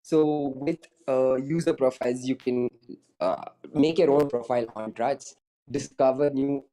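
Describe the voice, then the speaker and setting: A man with a mellow, dark voice talking loosely on a video call. He rambles, restarts sentences and leans on fillers as he explains his product. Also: mid-range voice, steady tone, a little slow, low-quality recording. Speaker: startup founder. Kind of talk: casual interview answers over a video call.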